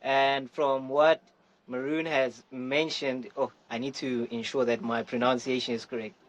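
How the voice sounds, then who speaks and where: A man's voice: medium pitch, flat delivery, unhurried, low-quality recording. Hyped-up male podcast host. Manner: hyped, playful introductions. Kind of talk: energetic podcast interview.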